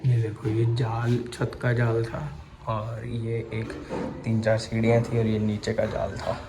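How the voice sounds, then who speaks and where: A man's voice: on the low side, monotone, unhurried, noisy background. A young man casually showing viewers around the empty old house he grew up in, chatting to them like friends. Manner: chatty, addresses viewers as bhai. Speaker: vlogger. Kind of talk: casual home tour vlog.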